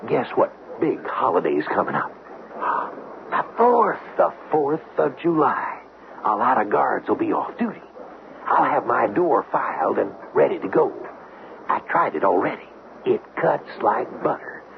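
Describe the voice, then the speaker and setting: On a dull, noisy old radio recording, a man plays a scheming, cocksure convict plotting a prison breakout. His medium-pitched voice is sing-song, creaky and a little slow, and he talks in a folksy, urgent, confident, conspiratorial way.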